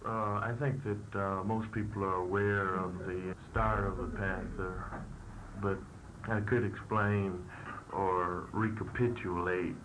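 A young man giving an earnest political statement in an interview on old worn tape. He speaks haltingly, with many fillers. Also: sits low, flat delivery, a bit bright, low-quality recording. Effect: old worn archival tape. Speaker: political party leader being interviewed. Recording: hissy old tape recording.

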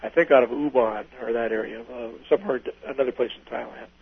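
A man's voice: mid-range voice, fairly even intonation, fast, breathy edge, phone-quality sound. An older man, a retired pilot, telling folksy, rambling stories in an oral history interview, restarting his sentences often.

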